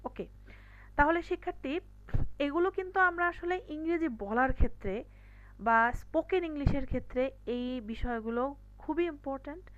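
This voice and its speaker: A woman teaching an English lesson to school pupils, patiently repeating words slowly to show where the stress falls. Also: sits high, animated, fairly bright tone, lo-fi sound. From Bangladesh. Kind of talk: classroom lesson explanation.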